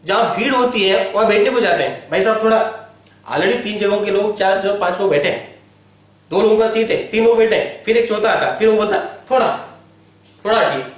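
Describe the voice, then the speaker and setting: A man's voice: high-pitched, a little fast. A man teaching a college Hindi class online, telling a story at length and constantly checking in with his listeners. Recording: very echoey room, voice from far off.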